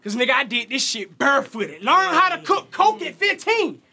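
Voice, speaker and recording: A man with a Southern US country accent performing aggressive battle rap, shouting his bars at a live event. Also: extremely high pitch, big pitch swings, normal speed. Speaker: battle rapper.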